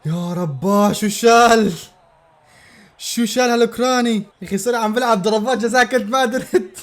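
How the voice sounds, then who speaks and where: A man reacting live to a football match, excitable and full of repeated exclamations. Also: very high voice, brisk.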